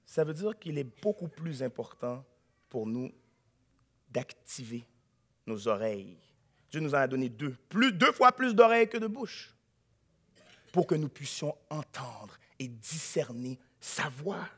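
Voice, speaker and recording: A male pastor, preaching a sermon in a church, dropping to a hush and then rising to a shout. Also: medium pitch, very animated, measured pace, husky. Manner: dramatic preaching, swings from hushed to shouting.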